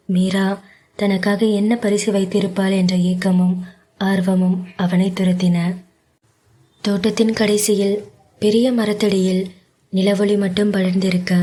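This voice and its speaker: A female audiobook narrator reading a scripted romance in a slow, measured way. Her voice is breathy and mellow. Her pitch stays flat and level.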